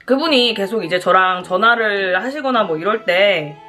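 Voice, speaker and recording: A woman's voice: medium pitch, lively intonation, normal speed, pushed and bright, soft background music. A woman chatting casually to viewers as a mukbang host, talking between bites while she eats.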